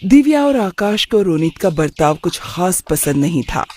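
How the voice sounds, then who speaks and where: A narrator reading a cartoon moral story in a plain, measured way. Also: medium pitch, big pitch swings, darkish tone.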